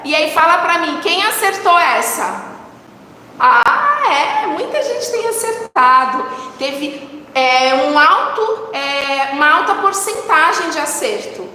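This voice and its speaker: High bright-voiced Brazilian woman teaching children. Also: lively intonation, slow pace. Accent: Brazilian Portuguese. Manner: warm coaxing teacher talk, asks questions and answers them. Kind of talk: recorded lesson for children. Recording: echoey room with long reverb, faint noise.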